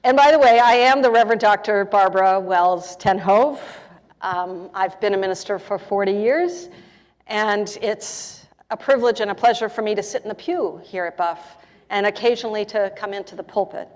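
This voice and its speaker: A woman's voice: medium pitch, moderate pace. An older woman minister welcoming a congregation in a conversational, self-deprecating way during a church service. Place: church sanctuary. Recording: long reverb of a church hall.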